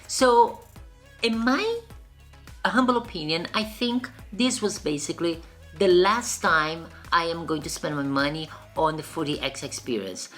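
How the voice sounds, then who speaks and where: A woman vlogger giving a casual spoken review in a halting way, often circling back to rephrase. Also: fairly low pitch, a bit bright, soft background music. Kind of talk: casual chat, reviewing while eating.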